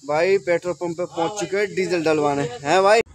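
A truck driver in his thirties, high-voiced and a little fast, chats to viewers through the phone camera he holds at arm's length on the road. The casual travel vlog has him repeatedly saying "brother" and "friends," with noisy outdoor audio recorded by trucks and highway stops.

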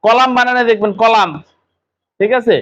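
A man's voice: very high-pitched, steady tone, fairly bright tone. Man, classroom teacher, quizzing students, slightly muffled recording. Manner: quizzing students with quick questions. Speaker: English teacher. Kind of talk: classroom pronunciation lesson.

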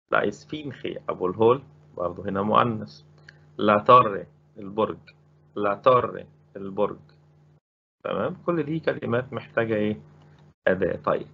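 Gravelly Egyptian man teaching Spanish. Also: fairly low pitch, dull audio. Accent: Egyptian Arabic. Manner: explains step by step, repeating words and asking rhetorical questions. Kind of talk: recorded grammar lesson.

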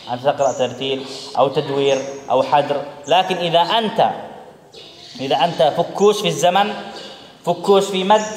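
High-voiced male teacher in an echoey hall. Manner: drilling students with repeated questions. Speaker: Quran recitation teacher. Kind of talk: classroom instruction. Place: classroom. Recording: echoey room with long reverb.

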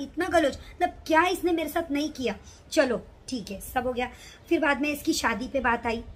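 A middle-aged woman vlogger telling an agitated personal story to the camera. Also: high voice. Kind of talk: emotional personal account to camera.

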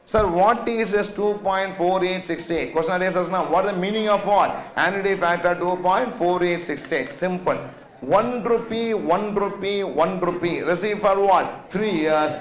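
A man's voice: high voice, moderate pace, hardly any pauses. South Indian man lecturing, echoey classroom. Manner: drilling with repeated questions and check-ins. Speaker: finance lecturer. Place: indoor classroom, speaking to students.

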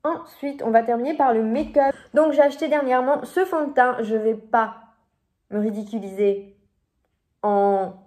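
A woman's voice: a little high, moderate pace, a little mellow. A young woman from France presenting her beauty haul in a casual, chatty vlog, hesitating often and restarting her sentences. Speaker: beauty vlogger.

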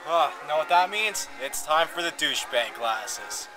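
A young man with a slightly high, expressive voice talks at an unhurried pace over music. He's a vlogger and house painter rambling and joking to a camera held at arm's length as he moves around a wooden deck and yard outdoors.

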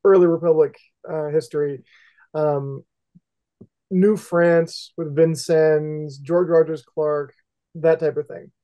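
A man's voice: fairly high pitch, steady tone, slow pace, mellow. A middle-aged man from Indiana co-hosting a podcast, asking questions in a rambling, hesitant way with many fillers, over a headset on a video call. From West Central Indiana. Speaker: podcast co-host. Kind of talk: casual interview. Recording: dull lo-fi call audio.

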